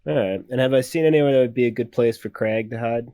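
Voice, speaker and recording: A man's voice: mid-range voice, fast talker, mellow, clean tone. A man chatting casually as a player in a tabletop role-playing game.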